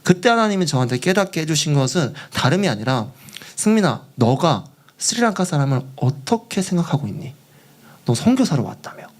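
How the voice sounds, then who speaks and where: A young man preaching as a junior pastor in a church, telling a story with animation, acting out quoted voices and laughing along. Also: high-pitched. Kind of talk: storytelling sermon.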